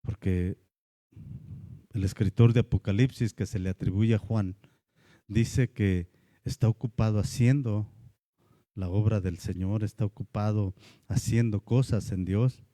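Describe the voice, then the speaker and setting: A man with a Mexican Spanish accent, a pastor preaching a lively sermon and acting out the voices of churchgoers. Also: fairly low pitch, dry recording.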